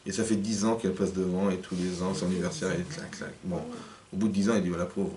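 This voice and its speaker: A man teaching a lively interactive class as a rabbi, acting out little scenes and putting questions to his listeners. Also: deep voice, quick pace, slight background noise. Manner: animated, acts out little scenes, questions the audience. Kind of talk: lively interactive Torah lesson. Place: community hall. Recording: echoey room, mic at a distance.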